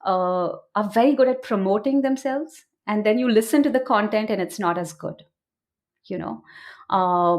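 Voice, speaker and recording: A woman from India, speaking with an Indian accent at a medium pitch, answers interview questions as an audio producer. Her manner is conversational and explanatory, and she often adds "you know."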